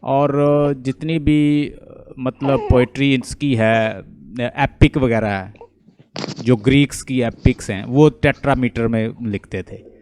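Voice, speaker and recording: A Pakistani man with a dark, mellow tone teaches English over an online class. He speaks at a mid pitch, stops to quiz students, and repeats words to break them into parts. His first language is Urdu, and he mixes it freely with English. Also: slow pace, clear, resonant tone. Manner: explanatory, asks students questions and repeats words. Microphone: online class call.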